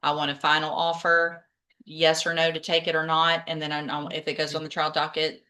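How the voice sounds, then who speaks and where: A woman's voice: low voice, monotone, a little fast, sharp tone. Firm woman judge on the bench. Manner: firm, directive. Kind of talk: courtroom hearing. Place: courtroom.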